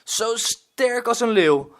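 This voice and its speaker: A man's voice: very high voice, lively intonation, slow pace, a bit bright, voice pushed up, full character voice. A man voicing a timid little boy who stammers and pleads. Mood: eager.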